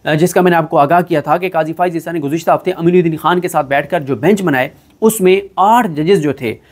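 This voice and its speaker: A man giving a solo political commentary. He talks in an animated, emphatic way, often pausing with fillers. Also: fairly high pitch. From Pakistan.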